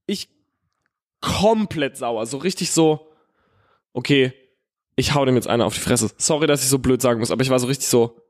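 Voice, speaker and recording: A man with a Palatinate German accent telling an animated, slangy story in casual chat, full of fillers. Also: medium pitch, normal speed, long pauses.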